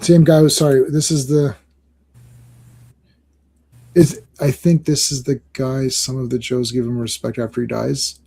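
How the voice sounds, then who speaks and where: A man hosting a casual podcast, talking excitedly with co-hosts, laughing often and restarting his sentences as he rambles. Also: mid-range voice, unhurried, gravelly, long pauses. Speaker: podcast host. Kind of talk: casual chat, reviewing comics.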